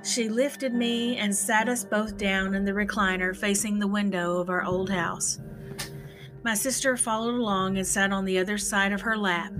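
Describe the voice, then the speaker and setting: A woman's voice: mid-range voice, steady tone, moderate pace. A woman narrates a scripted first-person horror story as a podcast host, in a spooky, theatrical storytelling manner. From eastern Kentucky, United States. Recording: music behind the voice. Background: background music.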